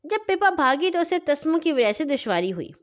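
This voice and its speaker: A woman reading a children's story aloud in an expressive, lively way. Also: high voice.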